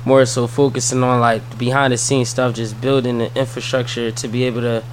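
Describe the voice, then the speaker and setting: A man from South Philadelphia with a Philly accent, a guest in a casual interview, speaking softly and easily with lots of ums. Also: medium pitch, a little fast. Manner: soft-spoken, relaxed, with many fillers. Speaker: guest, entrepreneur and youth mentor. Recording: faint background noise.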